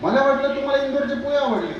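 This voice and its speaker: High-voiced man hosting a lively event. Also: quick pace, highs cut off. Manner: energetic, urges the crowd to clap and cheer. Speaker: event anchor at a pre-wedding sangeet. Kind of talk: lively crowd hosting, teasing the couple. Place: celebration venue with a crowd. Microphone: handheld microphone through the house speakers. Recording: echoey venue sound, distant mic, crowd noise.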